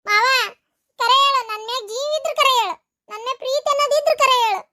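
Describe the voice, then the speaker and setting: A woman's voice: very high-pitched, fast talker, sharp tone, voice pushed up. A woman voicing a young daughter-in-law in a cartoon, pleading and coaxing in a North Karnataka accent. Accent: North Karnataka Kannada. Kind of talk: cartoon voice acting.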